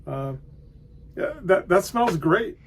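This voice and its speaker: A man giving a casual, unscripted tobacco review, hesitant and halting as he thinks aloud. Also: sits high, lively intonation, slight background noise.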